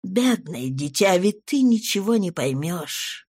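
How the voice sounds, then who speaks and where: A woman voicing a soft, tender husband. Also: lowish voice, animated, slow pace, breathy edge, full character voice. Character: middle-aged male scholar, tender and absorbed.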